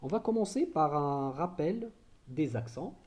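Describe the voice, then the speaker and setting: Slow, mellow-voiced man teaching spelling. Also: fairly high pitch, animated. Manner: slow dictation, stresses and repeats each word. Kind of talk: recorded spelling lesson.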